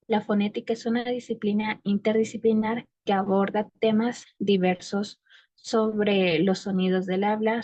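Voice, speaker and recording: A woman's voice: medium pitch, warm tone, slightly rough, no room sound, muffled recording. Woman presenting a class topic. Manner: explanatory, gives spoken examples. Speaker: student presenter.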